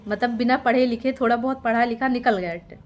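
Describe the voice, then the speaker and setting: Young woman, from Sultanpur India, teacher, casual storytelling, conversational, somewhat high voice. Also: brisk, slight background noise. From Sultanpur district, Uttar Pradesh, India. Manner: conversational, checks in with "ठीक है?" often. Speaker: teacher and YouTuber.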